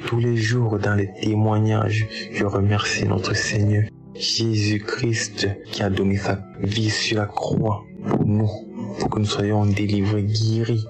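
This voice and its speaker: A man with a low voice gives an earnest religious testimony. His delivery stays flat and level, circling back to the same phrases again and again. Faint music plays underneath. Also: slow. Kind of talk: spoken testimony.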